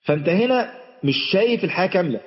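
This sheikh speaks in a high, animated voice at a racing pace, delivering an Islamic lesson in Egyptian Arabic to an audience in a large hall. He addresses them directly in a chatty way, often starting sentences over. The sound is muffled.

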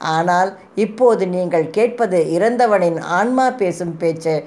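A woman's voice: lowish voice, unhurried, darkish tone, close to an everyday voice. A woman voicing the corpse of a slain male prince who taunts his betrayer with mocking, accusing questions in a storybook reading. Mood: taunting.

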